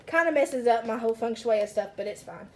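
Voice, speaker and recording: A young woman chatting excitedly as she unpacks groceries at home, with self-mocking asides and bursts of delight. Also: on the high side, fast, slight background noise. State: out of breath. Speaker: stay-at-home mom vlogger. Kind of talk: casual grocery haul chat. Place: home kitchen. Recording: rustling bags and clicks behind.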